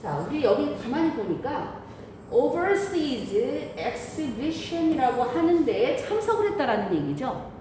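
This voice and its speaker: A woman's voice: high voice, very animated, takes it slowly. A woman teacher explaining a lesson through a face mask, often asking questions and answering them herself. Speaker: English grammar teacher. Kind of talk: explanatory lesson, questioning the students as she goes. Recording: very echoey room, clear background noise.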